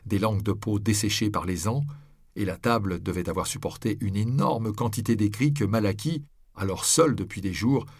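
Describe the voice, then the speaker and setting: A man reading a novel aloud in the first person, with steady, measured storytelling. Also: on the low side, dry recording, clean studio sound. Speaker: audiobook reader. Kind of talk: scripted novel narration.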